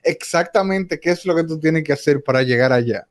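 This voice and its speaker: A man jokes around as a podcast co-host. His voice sits a little high, and he is quick to chime in. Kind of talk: casual chat.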